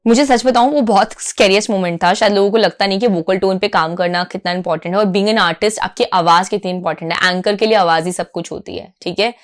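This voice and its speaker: Quick and medium-pitched with few pauses, this Indian-accented woman coaches viewers' voices informally as an anchor. She switches between Hindi and English, stresses points emphatically, repeats key phrases and frequently checks in with her audience.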